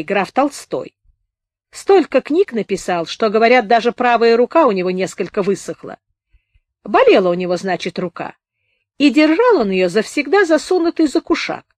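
A woman voicing a thin-bearded wounded soldier with a high boyish voice, telling a folksy tale in a slow, plain manner. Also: sing-song, darkish tone, no echo, studio quality. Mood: storytelling. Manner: unhurried folksy village speech.

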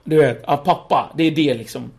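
Lively gravelly-voiced man telling stories. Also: a little high. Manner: lively, acts out voices, laughs often. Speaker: podcast guest. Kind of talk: animated storytelling.

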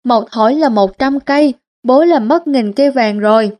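A woman's voice: fairly high pitch, normal speed, darkish tone, lightly acted. A woman voicing a naive, greedy young daughter in a comic story. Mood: pleading.

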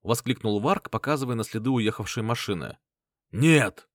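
A man narrating an audiobook in a scripted, steady manner. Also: fairly low pitch, normal speed, no echo, studio quality.

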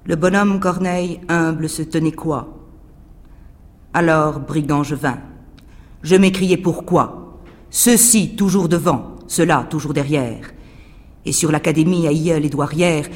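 A man recites verse in a theatrical, declamatory manner, his fairly high voice dropping to hushed whispers and rising to ringing cries. His voice trails off into a long reverberant hall tail.

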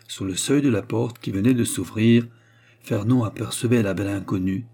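A man narrating a classic novel as an audiobook, in a calm, measured, literary manner. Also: lowish voice.

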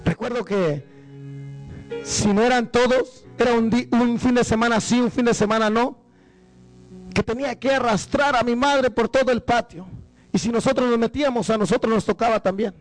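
A man's voice: normal speed, soft background music, rough recording. A man from Guatemala, preaching an evangelical sermon as a guest preacher and rising into fervent preaching. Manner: rises to fervent, high-pitched preaching.

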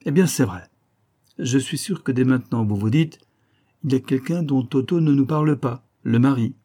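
A man's voice: medium pitch, moderate pace, mellow, close to an everyday voice. A man reading a novel aloud, voicing a playful, lecturing male amateur detective who teases his young listeners. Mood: teasing. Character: clever, teasing older male amateur detective.

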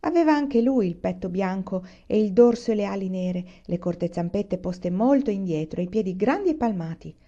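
Woman reader, storybook read-aloud, expressive, mellow tone, muffled recording. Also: mid-range voice, normal speed, hardly any pauses.

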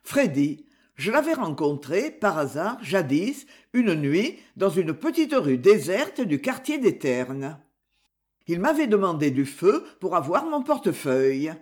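A reader voicing a confident gentleman detective. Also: medium pitch, big pitch swings. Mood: explaining. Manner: measured, explanatory storytelling. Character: confident gentleman detective, young adult man. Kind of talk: audiobook character reading.

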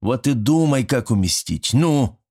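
A man voicing a gruff, bossy one-armed elderly school caretaker and war veteran who barks and scolds his son. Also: mid-range voice, animated, a little slow, warm tone, voice pushed up. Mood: angry. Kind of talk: audiobook character voice.

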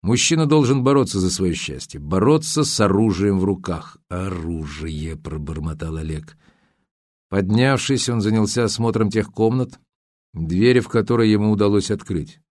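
Low-voiced man reading a novel. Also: animated, normal speed, darkish tone, dry recording, clean studio sound. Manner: dramatic reading with voiced dialogue. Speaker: audiobook narrator. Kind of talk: scripted narration.

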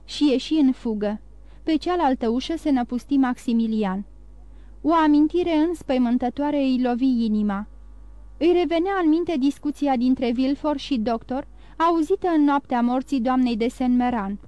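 Woman, audiobook narration, measured, high pitch, dry. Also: warm tone, no echo.

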